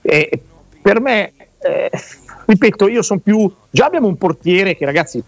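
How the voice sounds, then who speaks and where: A man's voice: high-pitched, animated, unhurried, vocal fry, no room sound. A middle-aged man talking football in a casual, rambling, self-mocking way, often repeating himself. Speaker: pundit.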